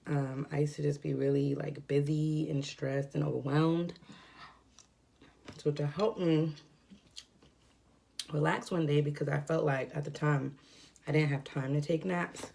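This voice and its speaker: A young adult mukbang vlogger with a deep, gravelly voice talks casually over a meal at home. Her speech is relaxed and rambling, full of fillers, and she breathes heavily from a cold, with slight background noise present.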